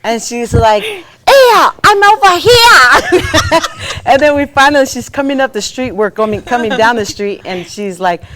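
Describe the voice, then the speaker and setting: A woman co-hosting a podcast, telling a family story in a rambling, animated way with lots of fillers. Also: fairly high pitch, a little fast, hardly any pauses, a little hiss or hum. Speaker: podcast co-host. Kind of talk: casual storytelling chat.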